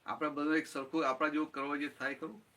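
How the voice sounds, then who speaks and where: A man's voice: fairly high pitch, flat delivery, fast, bright, forceful tone. A man giving a satsang talk as spiritual teacher, explaining with everyday examples and often checking that listeners follow. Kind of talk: satsang talk answering a question.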